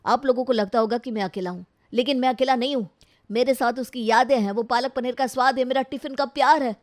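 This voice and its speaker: A woman's voice: a little high, dry recording, pitched above the performer's own voice, lightly acted. Brief: woman voicing a moody young husband, storybook, emotional, dry close sound. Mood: wistful. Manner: emotional, quick to anger. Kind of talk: storybook voice acting.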